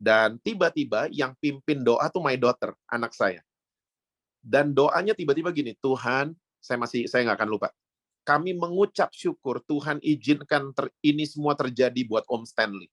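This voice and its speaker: A middle-aged man with an Indonesian accent, preaching a sermon as a pastor and telling family stories, who mixes in English phrases and jumps up high when quoting others. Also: moderate pace, no room sound. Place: church sanctuary.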